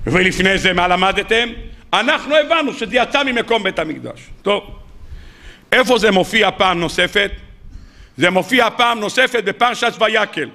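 Bright high-voiced rabbi giving a sermon. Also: male voice. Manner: animated, rhetorical questions, acts out quoted sages. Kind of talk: weekly Torah sermon.

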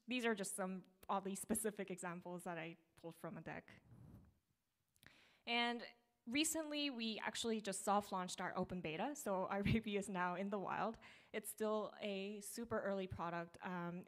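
A young woman presenting her startup's product at a meetup, talking casually through a live demo with fillers and restarts. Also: mid-range voice. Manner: casual, upbeat, many fillers. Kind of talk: conference talk with live demo. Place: small theater stage.

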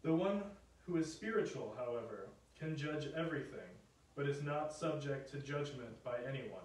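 A young adult man reading scripture as a lector in a solemn, measured, formal way, in a chapel. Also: medium pitch, animated. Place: small chapel indoors. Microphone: picked up from afar. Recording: echoey chapel, distant microphone.

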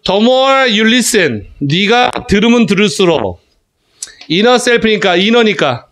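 A man teaching a class of students, talking in a casual, animated way, calling on students by name and checking they follow. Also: high voice, slow pace. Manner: animated, calls students by name, asks "그지?" often. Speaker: academy English teacher. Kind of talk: classroom lecture.

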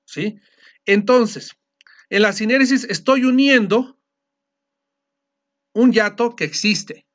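A man teaching a class on verse and grammar, explaining step by step and often pausing to check that the students follow. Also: high-pitched, fairly bright tone. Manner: explanatory, often checks understanding with a quick question. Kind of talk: classroom lecture. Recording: dull lo-fi recording.

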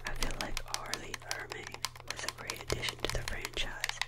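Woman, whispered ASMR, fast aggressive delivery, scripted review narration, a bit off-mic, plastic tapping and clicking. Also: distant mic. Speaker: ASMR video host and film reviewer. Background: tapping and clicking on plastic objects.

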